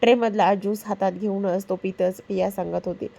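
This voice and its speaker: A woman narrating a story calmly and evenly. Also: medium pitch, normal speed, creaky. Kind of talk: scripted narration of a Marathi story.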